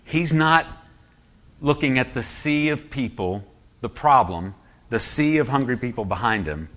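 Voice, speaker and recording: A male preacher delivers a sermon with a bright, forceful voice. He speaks emphatically and keeps turning to his listeners with rhetorical questions. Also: medium pitch, lively intonation, measured pace.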